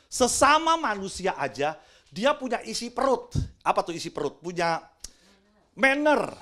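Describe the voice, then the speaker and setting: A man's voice: high voice, very animated, normal speed, pushed and bright. A middle-aged man preaching a chatty youth sermon in a church, dropping English words in and keeps asking his listeners whether they agree. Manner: keeps asking the audience "right or not?". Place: church with a congregation, also livestreamed.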